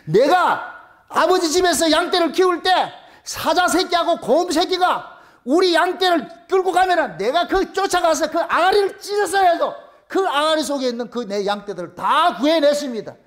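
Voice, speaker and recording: A man's voice: very high voice, animated, moderate pace, a bit bright, voice pushed up. A man acting out a bold young shepherd boy in a sermon retelling, speaking bluntly. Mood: defiant. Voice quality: brash, plainspoken dialect.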